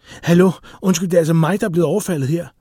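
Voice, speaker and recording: A man voicing a terrified, frantic woman in a dramatized audiobook reading, shrill and pleading. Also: steady tone, mellow, breathy edge, no echo, studio quality. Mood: indignant.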